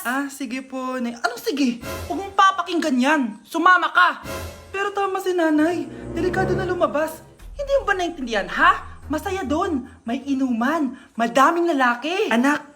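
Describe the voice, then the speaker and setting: A woman acting out several roles in comedy skits, with an exaggerated, bickering delivery and sudden shouts. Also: very high voice. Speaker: comedy skit performer playing several parts.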